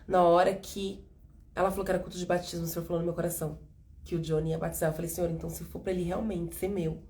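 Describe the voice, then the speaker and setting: Fast-talking Brazilian woman telling her story. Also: lowish voice, slight background noise. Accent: São Paulo Brazilian Portuguese. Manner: animated storytelling, acting out dialogue. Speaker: host. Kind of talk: casual testimony chat.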